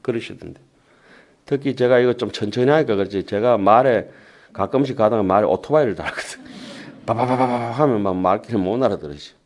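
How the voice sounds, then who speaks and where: Casting: middle-aged monk with a Gyeongsang accent, lowish voice, slow sutra reading broken by fast chatty asides. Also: male voice, expressive, a little mellow. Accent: Gyeongsang dialect. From Gyeongsang region of Korea. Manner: slow deliberate reading of the text, then quick chatty asides to the audience. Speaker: Buddhist monk lecturer. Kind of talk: sutra lecture to lay Buddhists. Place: temple lecture hall with an audience.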